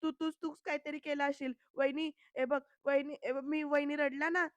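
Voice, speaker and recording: A protective young man scolding his older brother, as a woman recapping a serial reads his lines. The voice is high. The sound is dry and close. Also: little pitch movement, brisk, dry recording, close to an everyday voice.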